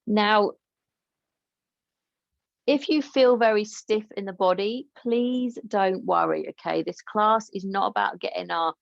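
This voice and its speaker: A woman yoga teacher from England guiding a class with gentle, encouraging instructions and chatty asides. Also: mid-range voice, a little slow, creaky, no room sound, lo-fi sound.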